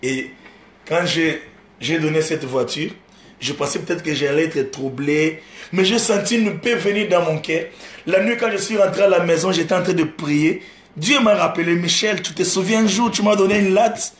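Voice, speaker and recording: A gospel singer from the Democratic Republic of the Congo preaches a testimony sermon in a live-streamed church, his fairly high voice at a moderate pace sounding roomy. He repeats phrases in a rising preaching rhythm, laughs, and mixes French with Lingala.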